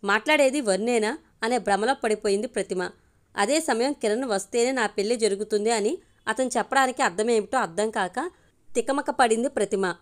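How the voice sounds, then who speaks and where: A woman's voice: fairly high pitch, fairly quick. A woman reading a family story aloud, voicing the characters' dialogue in her own voice. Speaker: narrator.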